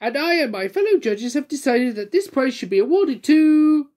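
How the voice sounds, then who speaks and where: A grand storybook lady hosting a ball, imperious and announcing, pitched high and bright. A woman voices her in a children's book reading. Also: big pitch swings, normal speed.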